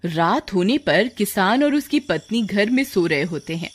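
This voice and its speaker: A woman's voice: mid-range voice, lively intonation, normal speed. A woman reading scripted narration for a children's story. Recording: very noisy background.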